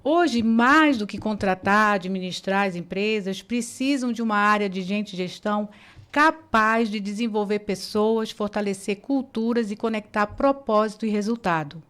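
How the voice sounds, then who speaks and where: A woman's voice: medium pitch, normal speed, fairly bright tone. A woman hosting an interview, reading a scripted introduction and asking friendly questions. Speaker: interview host.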